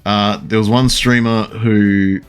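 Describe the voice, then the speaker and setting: A man with a fairly low voice chats casually on a live game stream, stopping often to gather his thoughts as he answers his viewers. Faint game music plays softly behind him. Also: steady tone, smooth. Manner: responds to chat messages, pausing often to think. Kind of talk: casual live-stream chat while gaming.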